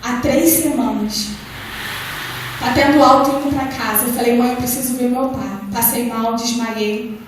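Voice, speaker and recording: A woman's voice: on the high side, steady tone, unhurried, slight background noise. A young Brazilian woman with a Brazilian accent preaching her testimony in church, telling her story with passion and quoting her prayers. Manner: impassioned, storytelling with quoted prayers. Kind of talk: testimony sermon. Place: church service hall. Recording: very echoey hall from far off.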